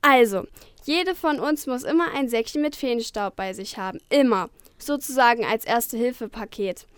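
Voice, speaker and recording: A woman's voice: normal speed, smooth, no echo, natural voice. Woman voicing a tiny, indignant fairy girl, Belladonna Wiesenblume. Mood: explaining. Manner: high, indignant and chattering. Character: tiny touchy girl fairy, bossy and quick to sulk.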